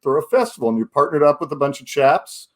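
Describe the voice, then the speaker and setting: Teasing male interview host, higher voice. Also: animated, fast. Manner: teasing, playful. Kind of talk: casual interview chat.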